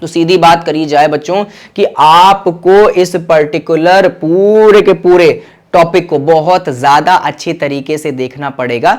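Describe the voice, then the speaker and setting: A young man teaching an online exam-prep lesson, coaching and reassuring his students and stretching key phrases out slowly for emphasis. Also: on the high side. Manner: coaching and reassuring, calls listeners "children"; mixes English terms into Hindi, stretches key phrases slowly. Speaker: commerce teacher.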